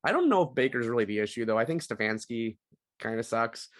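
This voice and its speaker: A man's voice: mid-range voice, expressive, quick pace. A young man co-hosting a podcast, chatting casually about sports with frequent ums and easy laughs. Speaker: podcast co-host.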